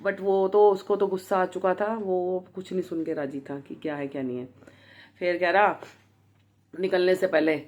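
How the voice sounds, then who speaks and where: A woman's voice: lowish voice, steady tone, normal speed, a little mellow, highs cut off. A woman hosting her storytelling channel, telling a moral tale in a chatty, casual way with lots of fillers. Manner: chatty, full of fillers and restarts.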